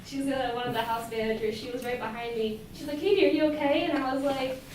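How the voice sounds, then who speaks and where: A woman's voice: on the high side, steady tone, fast talker. A young woman telling a personal story before a live audience, chatty, with many filler words and frequent laughter. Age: young adult. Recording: echoey hall, mic from a distance, noisy.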